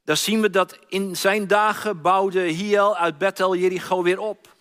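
A man with a notably high voice preaches, retelling a story and voicing its cries, often repeating himself. His words ring out with the long reverb of a large hall. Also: a bit bright. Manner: storytelling, acts out quoted cries, frequent repeats. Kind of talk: sermon.

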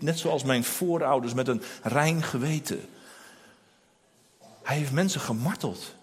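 A man's voice: high-pitched, slightly rough. A man preaching a sermon in an earnest, emphatic way, repeating key phrases. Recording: long hall reverb.

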